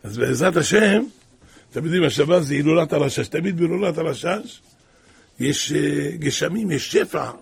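A male preacher delivers a sermon in a raspy, husky voice with a gravelly edge. He is impassioned, dropping to near hushes and then rising to cry out. His voice sits high for a man. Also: lively intonation. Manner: impassioned, swings from hushed to crying out.

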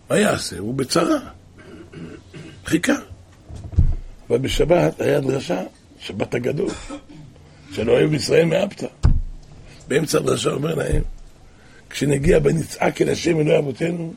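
A man telling a religious tale as a sermon, dropping to hushed asides and then crying out loud repeated calls. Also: vocal fry, slight background noise. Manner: shifts from hushed low asides to loud cried-out repetitions. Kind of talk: storytelling sermon.

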